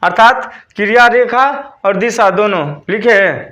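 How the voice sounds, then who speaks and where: A man's voice: high-pitched, measured pace, pushed and bright. A man teaching a school physics lesson, dictating notes and repeating key terms back as questions for his students.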